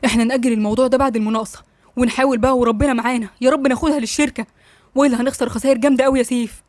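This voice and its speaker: A woman's voice: on the high side, steady tone, rapid-fire, a little mellow, no room sound, lightly acted. A woman with an Egyptian accent voicing a worried young businessman, urgent and fretful. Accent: Egyptian Arabic.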